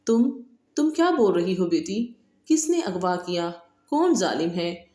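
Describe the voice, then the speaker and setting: A woman's voice: fairly low pitch, sing-song, mellow, reverberant. A woman voicing a caring older woman who coaxes and fusses in an audiobook novel reading. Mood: alarmed. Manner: coaxing, fussing. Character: older woman, tender and worried elder of the family.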